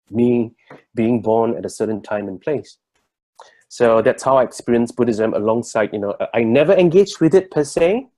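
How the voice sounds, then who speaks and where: A man's voice: mid-range voice, mellow. A man, giving an earnest, reflective talk as a workshop co-presenter and searching for his words. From Singapore. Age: 30s.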